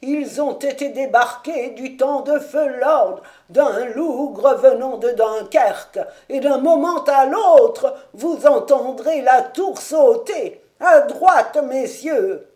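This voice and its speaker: A woman voicing a frantic, loyal old male servant who cries out in drawn-out, breathless wails. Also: a little high, lively intonation, mellow, voice pushed up.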